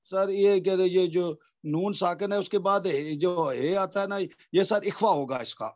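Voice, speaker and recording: A man's voice: sits high, dull audio. Hesitant, deferential male student. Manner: hesitant, deferential, says "sir" often. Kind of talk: online tajweed class.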